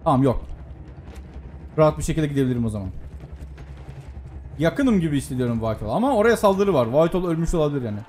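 Excitable young man narrating gameplay. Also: on the high side, quick pace, long pauses, a little hiss or hum. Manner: excitable, exclaiming, talking to himself. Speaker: gameplay commentator. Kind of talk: casual gameplay commentary.

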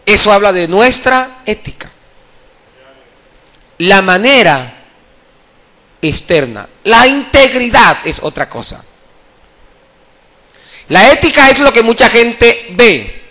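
A male evangelist preaching a sermon at a church convention, impassioned, calling for applause and swinging between loud and soft. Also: high-pitched, very animated, takes it slowly, pauses often.

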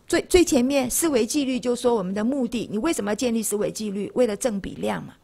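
Lecturing on Buddhism in a classroom, a Taiwanese woman in her sixties keeps the mood lively. Her voice is fairly high and creaky, her pace quick, and she repeatedly poses rhetorical questions to her listeners.

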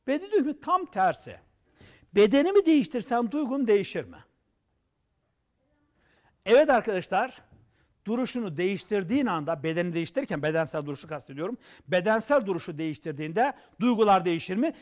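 A man giving a lively TV talk as a personal development coach, acting out examples and asking rhetorical questions. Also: sits high. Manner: animated, acts out examples with gestures. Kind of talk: TV talk show monologue. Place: TV studio.

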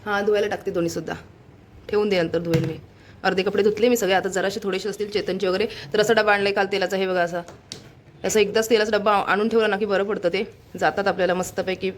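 A woman's voice: mid-range voice, steady tone, quick pace, slight background noise. A young woman chatting to viewers in a casual home vlog, showing her chores. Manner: chatty, addressing viewers directly. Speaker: vlogger.

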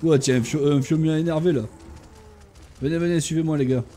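Excitable man voicing his gameplay. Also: on the high side, brisk. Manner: excitable, talks to his tamed animals, shouts and cheers in fights. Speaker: gaming YouTuber. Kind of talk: casual gameplay commentary.

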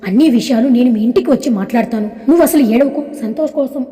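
Confident young hero, read by a woman, protective and reassuring, firm and calm. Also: high voice, fast, in a large hall, natural voice.

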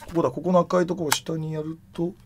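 A man streaming live, chatting casually in rough slang with loud exclamations while he handles and examines an object. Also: fairly high pitch, little pitch movement, quick pace, noisy background.

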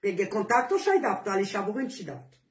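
A woman vlogger chatting casually to her viewers, animated, with sing-song calls and rising exclamations. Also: medium pitch, quick pace. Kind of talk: casual chat to camera. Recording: roomy echo, voice from a distance.

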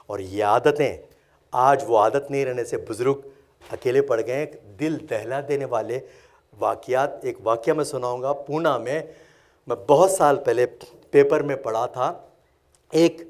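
A man from India giving a motivational workshop talk, telling stories dramatically and swinging between loud and hushed passages. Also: fairly high pitch. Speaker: motivational speaker.

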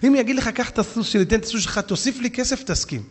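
A man voicing a poor wagon driver who speaks simply and calmly in a told story. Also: very high-pitched, voice pushed up. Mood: folksy. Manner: simple, calm, folksy.

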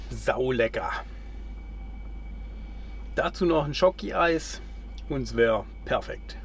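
Male travel vlogger, 40s, casual jokey narration at arm's length, light background hiss. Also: medium pitch. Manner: chatty, jokey, talks to his camera and his teddy bears. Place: outdoors at a forest campsite and inside a camper van. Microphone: handheld camera at arm's length.

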